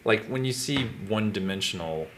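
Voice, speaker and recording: A man from Northwestern Ontario hosting an interview, talking in a rambling, halting way with many restarts and fillers. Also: on the low side, expressive, a bit bright, a little hiss or hum. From Northwestern Ontario, Canada. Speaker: podcast host. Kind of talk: casual interview chat.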